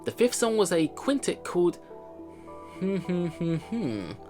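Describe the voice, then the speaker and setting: A let's player with a high, warm voice reads a visual novel aloud and comments as he plays, thinking out loud in a chatty way. He takes his time, with big swings in pitch, while the game's music plays in the background.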